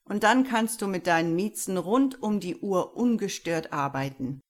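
A woman's voice: mid-range voice, animated, moderate pace, natural voice. Woman reading a smug, scheming chauffeur. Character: male chauffeur turned scheming manager, smug.

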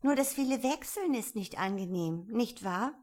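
A woman voicing a polite, timid young girl in a storybook reading, pitched up and eager. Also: expressive, normal speed, darkish tone. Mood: anxious. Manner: higher, eager, slightly tearful. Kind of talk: audiobook character voice.

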